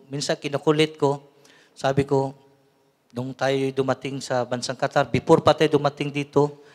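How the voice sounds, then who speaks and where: A man in his forties from the Philippines, giving a conversational sermon as a lay preacher, mixing in English and often adding tag questions. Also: mid-range voice. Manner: mixes English into talk, frequent "no?" tag questions. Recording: long hall reverb.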